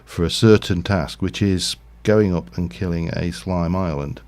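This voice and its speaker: A man's voice: sits low, fairly even intonation, a little slow, darkish tone. A man casually commentating his Minecraft livestream, rambling and thinking aloud with lots of fillers. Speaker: streamer.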